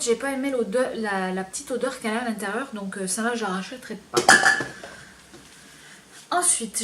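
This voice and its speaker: A woman's voice: on the high side, fairly bright tone, a little hiss or hum. A woman beauty vlogger reviewing her used-up products in a casual, hesitant way, with many fillers.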